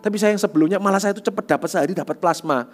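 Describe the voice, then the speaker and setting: A man preaching a sermon as youth pastor, telling a personal testimony with lively storytelling and frequent tag phrases. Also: high-pitched, rapid-fire, over music.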